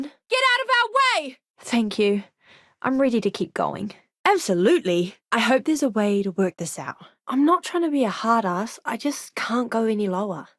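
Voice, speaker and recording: In clean studio audio with no room sound, a woman with a fairly high voice plays an eager, curious young botanist and doctor on a spaceship crew in a video game. The character is earnest and polite, but here she's shouting urgently in battle.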